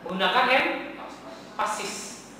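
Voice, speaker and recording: A man lectures a class, talking casually and quizzing his students as he goes. His voice sits high and bright. It comes from far off in a classroom with a long, echoing reverb and a faint hum of ambience. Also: lively intonation, slow pace. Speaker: teacher.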